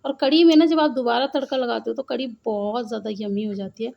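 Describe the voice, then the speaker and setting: A woman's voice: a little high, steady tone, quick pace, creaky, lo-fi sound. A middle-aged woman from India chatting casually and animatedly to her viewers in a home vlog. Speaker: vlogger. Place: at home, indoors.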